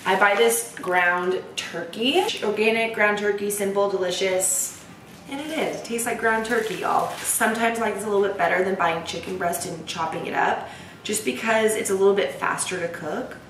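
A woman's voice: medium pitch, normal speed, a bit bright. A woman in her twenties chatting upbeat through a grocery haul vlog in her home kitchen, filmed from a few feet away. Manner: chatty, upbeat, says y'all. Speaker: lifestyle vlogger. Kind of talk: casual vlog chat. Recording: echoey room, mic at a distance, noisy.

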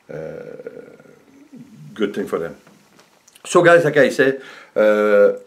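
Around sixty and a native French speaker with a French accent, this painter and vlogger talks casually to the camera from his small indoor home art studio. His fairly low, darkish voice comes out halting and rambling.

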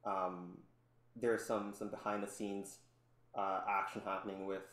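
A man talking as a podcast guest in relaxed, rambling casual chat, full of ums. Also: lowish voice, measured pace, echoey room. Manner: relaxed, rambling, many ums, laughs often.

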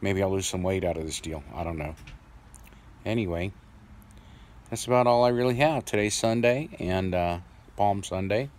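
A middle-aged vlogger with a low, slightly mellow voice talks through new dentures, lisping now and then. His video diary is plain-spoken and rambling, with pauses filled by fillers.

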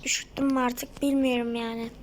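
A woman hosting a casual let's-play video with a hoarse throat, giving excitable commentary with loud sudden outbursts at the game. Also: a little high, brisk, slight background noise. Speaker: gaming video host.

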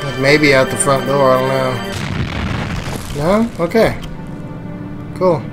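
A man's voice: medium pitch, lively intonation, slow pace. A young man giving casual, sweary gameplay commentary, muttering offhandedly to himself. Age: young adult. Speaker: video game streamer. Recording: game music behind the voice.

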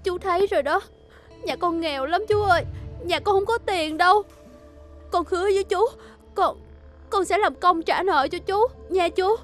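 A woman's voice: extremely high pitch, normal speed, soft background music. An actress playing a poor young daughter who pleads through tears for her father in a TV crime drama. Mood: pleading. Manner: pleading, tearful. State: crying.

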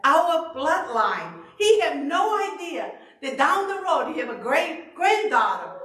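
A middle-aged woman from Tonga preaching a sermon into a handheld mic in a church sanctuary, animated and emphatic, often repeating herself. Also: high voice, a little slow. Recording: echoey hall, far from the camera.

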